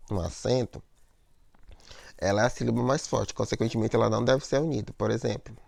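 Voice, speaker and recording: Gravelly male teacher, dry sound. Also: medium pitch, dry recording. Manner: explanatory, repeats words, frequent "né?" and "ó". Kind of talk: recorded lesson on poetic meter.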